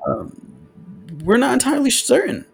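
Animated creaky-voiced male podcaster. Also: very high-pitched, moderate pace, soft background music. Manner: animated, excitable, swears freely. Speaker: podcast co-host. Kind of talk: casual podcast chat.

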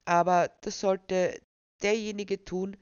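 A man's voice: high-pitched, level tone, slow, clean tone, no echo, lo-fi sound. A woman reading as a patient, placating old god. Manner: soothing and conciliatory.

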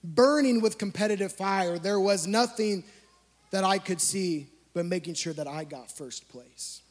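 A man telling a funny personal story as a sermon to a youth gathering, animated and self-mocking. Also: sits high, a little slow. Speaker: youth speaker. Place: large church hall. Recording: long hall reverb.

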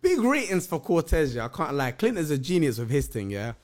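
A man's voice: on the high side, sing-song, brisk. A young man with a London roadman accent chatting casually in heavy street slang, emphatic and repeating phrases as a podcast host. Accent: London roadman, multicultural London English.

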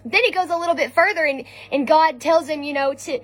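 A woman giving an informal sermon in a conversational way, often pausing with ums and restarting her sentences. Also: high-pitched. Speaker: speaker giving a devotional message. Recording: soft music underneath.

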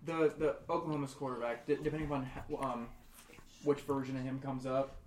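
A young man co-hosting a casual sports chat, quick to flare up in mock outrage. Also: medium pitch, fairly even intonation, darkish tone. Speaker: co-host. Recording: echoey room, voice from off-mic.

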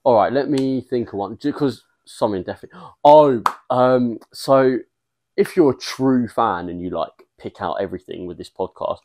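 A man's voice: medium pitch, normal speed, a little mellow. A young man, co-hosting a casual podcast and telling rambling stories with frequent laughs. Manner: rambling storyteller, laughs often. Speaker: podcast co-host. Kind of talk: casual chat.

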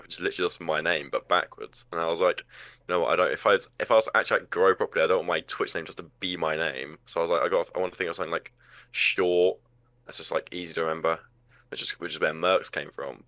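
A man's voice: low voice, fairly even intonation, sharp tone, no echo. A seventeen-year-old man, co-hosting a podcast and rambling through stories in casual talk. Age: teens. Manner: rambling, quick storyteller. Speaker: podcast co-host. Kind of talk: casual chat.

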